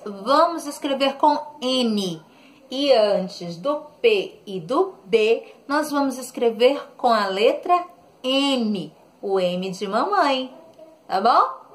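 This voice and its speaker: Slow, patient woman teacher. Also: on the high side. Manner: patient, coaxing, full of diminutives; keeps saying look and okay to children. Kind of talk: recorded lesson for children.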